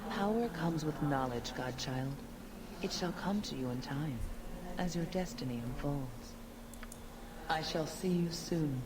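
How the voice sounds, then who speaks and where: An ageless female servant of the gods in a fantasy video game. The voice is low and measured, formal and heavy with portent. Clear ambient noise sits behind it. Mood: solemn, foreboding. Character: ancient solemn otherworldly female servant of the gods.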